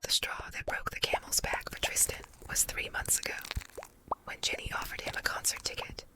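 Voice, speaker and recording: A woman reading a story aloud as ASMR in a soft unvoiced whisper, layered into a doubled whisper track. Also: moderate pace, low-quality recording. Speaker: story narrator.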